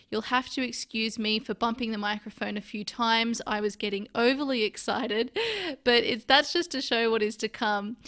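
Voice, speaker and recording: A woman's voice: fairly high pitch, fairly bright tone. A woman hosting a podcast, talking in an enthusiastic, chatty way with fillers and restarts. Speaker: podcast host. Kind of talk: podcast intro and interview.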